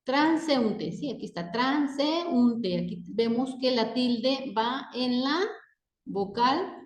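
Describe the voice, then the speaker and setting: A woman's voice: fairly high pitch, lively intonation, slow. A woman teaching a grammar lesson. She reads example words one at a time and checks in with a rising "¿sí?" after each point. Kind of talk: slow spoken grammar lesson. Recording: echoey room.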